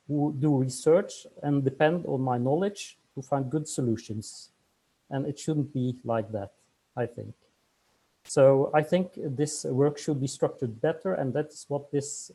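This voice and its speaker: A man's voice: mid-range voice, dark tone, poor audio. A man, a senior advisor introducing himself and his organization at an online meeting. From Norway.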